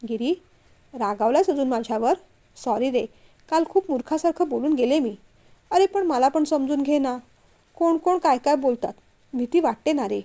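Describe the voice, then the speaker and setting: A woman voicing a gentle young woman in a storybook reading, speaking softly and coaxingly to the man she loves. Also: high voice, lively intonation, normal speed, long pauses. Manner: soft, coaxing. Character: gentle, apologetic young woman, office employee.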